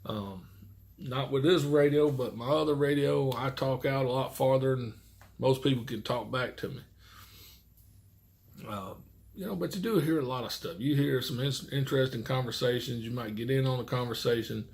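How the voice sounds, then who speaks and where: His gravelly, darkish voice sits at medium pitch and moves at a normal speed. He's a middle-aged truck driver chatting folksily to his viewers on camera, rambling along and swearing mildly.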